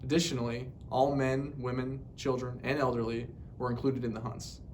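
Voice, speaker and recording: A man reads a scripted educational narration formally in a flat, slightly mellow voice at normal speed. It was recorded on a poor microphone, with clear rumbling background noise.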